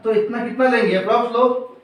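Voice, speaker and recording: A commerce teacher with a very high, slightly bright voice gives a classroom lecture on accounts at a brisk, steady pace. He quizzes students and echoes their answers back to them. The room is echoey and the mic sits far away.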